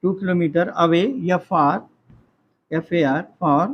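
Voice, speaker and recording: High-pitched guy teaching a grammar class, says every phrase twice, takes it real slow. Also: steady tone, highs cut off. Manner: dictates sentences slowly, repeating each phrase; asks the class questions.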